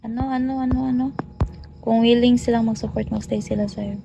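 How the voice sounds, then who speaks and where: A woman's voice: a little high, fairly even intonation, a little fast, vocal fry, rough recording. A woman hosting a casual phone livestream, chatting and rattling off greetings to viewers. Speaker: livestream host.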